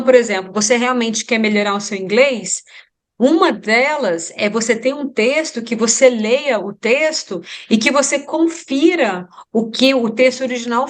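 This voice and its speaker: A Brazilian English teacher with a Brazilian Portuguese accent gives advice in an interview, her voice a little high. She is emphatic, repeating her points to stress them.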